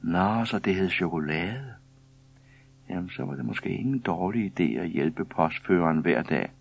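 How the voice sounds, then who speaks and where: A small, curious troll cat wonders aloud in a soft, thoughtful storybook voice, as a man reads him. The tone sits low and a little husky. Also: lively intonation, heavily acted. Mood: musing.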